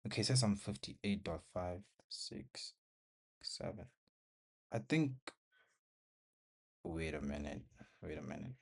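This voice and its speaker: Young male trading vlogger, low voice, short choppy live commentary, slightly winded. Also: sing-song, slow, creaky, long pauses, a little mellow, breathy edge. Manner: talks to viewers while watching the screen, in short broken phrases. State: out of breath. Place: bedroom at home.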